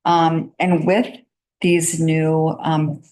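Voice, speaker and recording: Woman, town manager, low voice, hesitant council report. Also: little pitch movement, drawn-out words, darkish tone. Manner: hesitant, many fillers.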